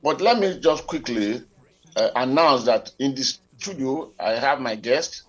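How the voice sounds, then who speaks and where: A man's voice: mid-range voice, expressive, a little slow. A Nigerian man co-hosting a radio current affairs show, heard over a telephone line, talking in a formal, wordy and digressive way. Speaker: radio talk show co-host.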